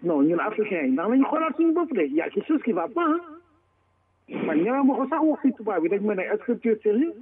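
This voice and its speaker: A man with a Senegalese French accent talks politics in a forceful, emphatic way, swinging between Wolof and French mid-sentence. His voice sits fairly high for a man. The sound is thin and tinny, like a phone line. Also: big pitch swings, fast talker. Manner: forceful and emphatic, repeating words. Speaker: commentator. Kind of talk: political commentary.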